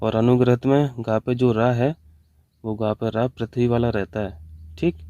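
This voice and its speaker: In a muffled recording with no echo, a male Hindi teacher speaks in a steady, warm, mid-range voice at a slightly slow pace. He leads an online exam-prep class, stepping through answer choices and mixing English terms into his Hindi.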